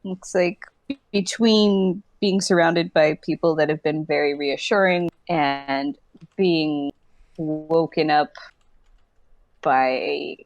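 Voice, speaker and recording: A woman narrating a tabletop game as game master, thinking aloud with hesitant pauses. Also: low voice, no room sound.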